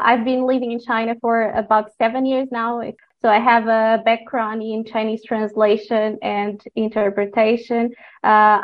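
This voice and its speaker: A woman's voice: on the high side, muffled recording. A woman from Portugal hosting a podcast conversation in an upbeat, motivational way. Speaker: host and life coach.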